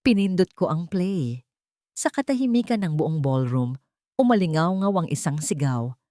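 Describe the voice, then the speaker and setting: In a very dry recording with no room sound, a woman tells a scripted, dramatic first-person story in short, deliberate phrases. Her voice sits fairly low, with a warm tone and lively intonation.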